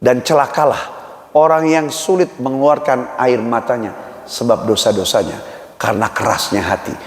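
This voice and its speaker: A man's voice: mid-range voice, steady tone, moderate pace. A man preaching a humorous mosque sermon, chatty and joking as he acts out little dialogues. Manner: jokey and conversational, acts out dialogues. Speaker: ustaz preacher. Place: mosque hall. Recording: echoey hall reverb.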